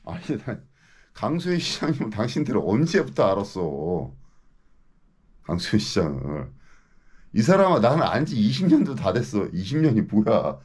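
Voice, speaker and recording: A man in his fifties rants with mounting indignation, his pitch leaping and dropping in lively swings. His voice sits low and dark. Again and again he demands answers from the people he is addressing. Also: normal speed, husky. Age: 50s. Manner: indignant, ranting, keeps demanding "예?". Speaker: local news commentator. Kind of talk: ranting monologue to camera.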